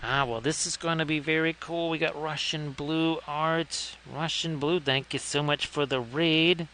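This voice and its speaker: A man's voice: fairly high pitch, steady tone, unhurried, bright, forceful tone, a little hiss or hum. A man hosting a casual live stream, chatty, with wry asides and frequent thanks to viewers. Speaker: live-stream host painting miniatures.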